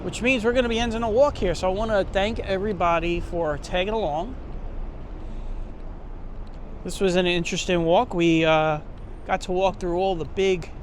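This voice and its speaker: High-pitched and speaking at a normal speed, this man leads a walking tour with casual, chatty remarks in a Brooklyn accent; he's from Brooklyn, New York. Traffic, vehicles, and general street ambience surround him outdoors as he walks.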